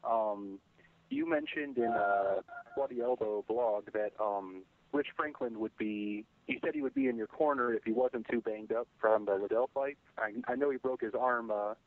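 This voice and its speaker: A man's voice: medium pitch, animated, normal speed, dry recording. A man working as a reporter, asking questions hesitantly on a media conference call over the phone. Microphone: telephone. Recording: thin phone line with faint noise.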